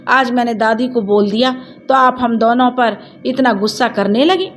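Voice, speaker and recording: A lively young girl voiced by a woman in a narrated storybook, chirpy and pleading with a raised, childlike pitch. She turns tearful and insistent when scolded. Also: normal speed, lightly acted. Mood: upset. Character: lively cheeky young girl, devoted to grandmother.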